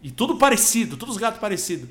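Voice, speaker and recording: A man's voice: sits high, very animated, racing. A man with a Brazilian accent in casual comedic chat, emphatic and repeating phrases as he tells and explains jokes.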